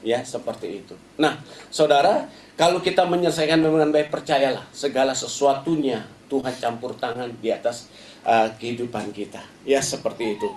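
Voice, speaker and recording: A man's voice: mid-range voice, normal speed, a little mellow, reverberant, slight background noise. A male pastor preaching a Sunday sermon in a conversational way, often addressing the congregation directly. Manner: conversational preaching, many filler "ya" and "saudara". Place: church service.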